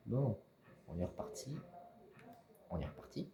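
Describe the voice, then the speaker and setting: Low-voiced man muttering through a game. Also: big pitch swings, unhurried, creaky, a crowd in the background. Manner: mutters to himself and chuckles, talks to game creatures. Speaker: gamer playing a survival game. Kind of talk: casual let's-play commentary.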